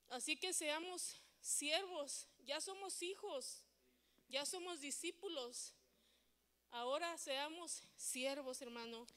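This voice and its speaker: A woman's voice: high voice, sharp tone, long reverb tail. A woman preaching and praying in church, fervent and pleading. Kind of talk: impassioned sermon and prayer. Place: church hall.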